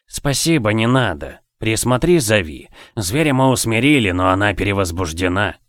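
A man voicing a tired, reserved young sorcerer who speaks tersely in an even tone. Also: fairly low pitch, moderate pace, no room sound, clean studio sound. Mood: weary.

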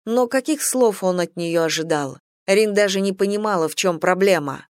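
An audiobook narrator reading a novel in an even, measured way. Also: mid-range voice, no room sound. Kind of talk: scripted narration.

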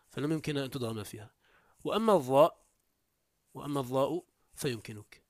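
A man teaching a classical grammar lesson, explaining step by step, asking and answering his own questions and slowly repeating words to drill them. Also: medium pitch, no echo, studio quality. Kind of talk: classical Arabic morphology lesson.

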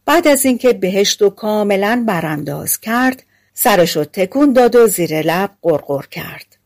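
A woman narrates a folk tale for an audiobook. She keeps the telling conversational and easy, like speaking to a listener, and her voice sits at a middle pitch. The sound is close and clean. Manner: conversational spoken storytelling with lively character voicing.

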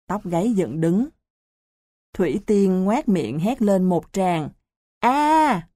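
A woman reading a children's novel aloud as a storybook narrator, in an unhurried, even reading manner. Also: fairly low pitch, no room sound, studio quality. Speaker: audiobook narrator.

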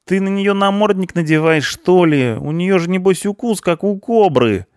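A man's voice: unhurried, no echo, clean studio sound, lightly acted. A man voicing a brash, slangy young male punk in an audiobook. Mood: indignant. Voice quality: high, squeaky, slangy drawl. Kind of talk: audiobook character voice.

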